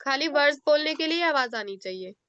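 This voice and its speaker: An Indian woman teaching a children's class over a video call, explaining slowly and patiently step by step. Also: high-pitched, expressive, a bit bright, no echo. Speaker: online teacher. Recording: dull lo-fi video call audio.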